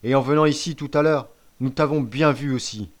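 Man voicing a gruff boy, growling, accusing, blunt. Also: mid-range voice, brisk, close to an everyday voice. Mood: menacing. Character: gruff boy guard, menacing with a stick.

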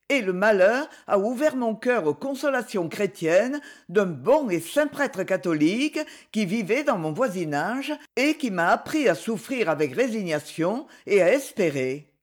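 A man voicing a pious, gentle noblewoman in an audiobook, raising his voice higher. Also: big pitch swings, a little slow, hardly any pauses, exaggerated voice. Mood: heartfelt. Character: pious gentle woman, the general's niece.

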